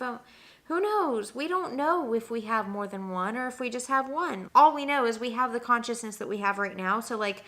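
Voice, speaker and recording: A young woman speaks straight to her viewers in a motivational vlog, stacking up emphatic rhetorical questions about growth. Her voice is bright and forward. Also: medium pitch. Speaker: wellness vlogger.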